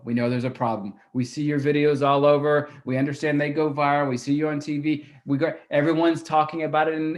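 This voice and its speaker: A middle-aged man who referees gives a motivational talk, acting out what he tells captains and coaches. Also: fairly high pitch. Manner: animated, acts out his own lines to captains and coaches. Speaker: referee speaker.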